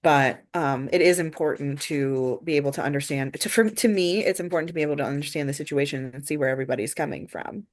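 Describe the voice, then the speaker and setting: Low-pitched woman, earnest and halting. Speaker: book review co-host. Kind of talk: casual discussion.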